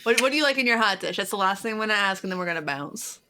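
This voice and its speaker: A woman's voice: mid-range voice, lively intonation, rapid-fire, pushed and bright. A woman from Seattle hosting a podcast, chatting playfully over a video call and laughing often. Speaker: podcast host. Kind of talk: casual chat.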